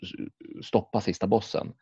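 A man's voice: darkish tone, no echo, lo-fi sound. A man chatting casually, rambling through stories with lots of fillers, restarts and swearing. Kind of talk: casual chat about video games.

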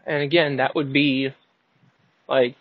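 This podcast host is a man in his 20s who talks slowly in a level, medium-pitched voice. He muses aloud from behind the wheel, loose and self-mocking with a wry edge. The audio is dull and lo-fi, with slight background noise.

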